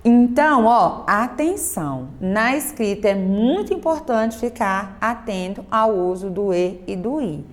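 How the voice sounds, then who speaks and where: A woman teacher leads a remote grammar lesson for schoolchildren, speaking at an ordinary pitch for a woman. She stretches out example words slowly and keeps checking in with the class through short tag questions. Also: sing-song. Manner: slow, exaggerated modeling of pronunciations.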